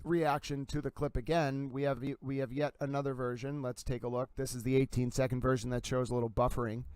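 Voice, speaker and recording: A man's voice: medium pitch, level tone, a little fast, a little mellow, clean tone, no room sound. A man hosting a livestream in a mock sports-commentary style, showy and emphatic, repeating catchphrases. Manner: showman-like, emphatic, repetitive catchphrases.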